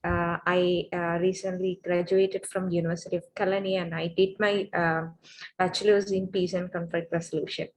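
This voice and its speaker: A woman's voice: fairly low pitch, level tone, normal speed, poor audio. A woman, giving a polite, grateful introduction as a panelist. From Sri Lanka. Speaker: panelist, peace activist.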